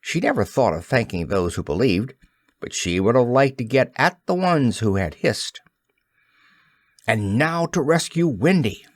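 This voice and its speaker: A man narrating a classic children's novel as an audiobook, in measured, expressive storytelling. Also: mid-range voice, dry recording, studio quality. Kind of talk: scripted narration.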